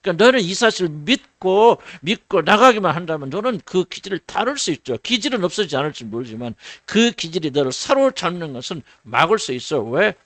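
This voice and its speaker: A middle-aged man preaches, a little higher than most men, and his pitch swings widely. He fires off rhetorical questions and slips into quoted voices. The sound is dry and close. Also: very animated, fairly quick, hardly any pauses, fairly bright tone, dry recording. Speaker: senior pastor. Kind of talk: sermon.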